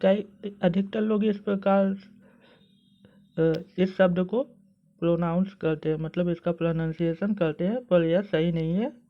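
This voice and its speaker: A teacher with an Indian English accent takes learners through a pronunciation lesson, sounding words out slowly, one syllable at a time. The speech is patient and hesitant, with fillers between phrases. The recording was made on a phone and sounds slightly dull. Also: medium pitch, fairly even intonation. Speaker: online teacher.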